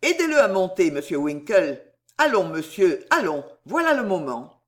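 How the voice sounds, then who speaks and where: A woman reading aloud, voicing a brisk, shrewd young manservant who gives urgent, sharp warnings. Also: fairly low pitch, big pitch swings.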